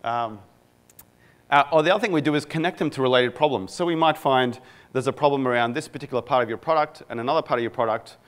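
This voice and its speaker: A man's voice: medium pitch, fast. A man from Egypt, a product manager, giving a casual conference talk to a live audience, with many fillers and self-deprecating asides.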